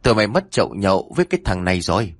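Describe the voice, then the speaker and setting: A man's voice: on the low side, sing-song, rapid-fire, dry recording, clean studio sound. A man voicing a cocky, boastful drunk young village man in a horror story.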